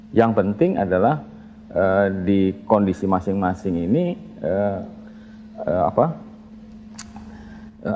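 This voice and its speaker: A man, a health official, giving an interview answer in a measured way, pausing often with fillers. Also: on the low side, lo-fi sound, slight background noise. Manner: measured, with many filler pauses.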